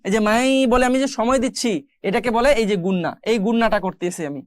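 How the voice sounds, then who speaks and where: A woman teaching the rules of Quran recitation, explaining each step patiently with questions to the listener and stretching out the example sounds slowly. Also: on the high side, no echo. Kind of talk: tajweed lesson with slow, drawn-out recitation examples.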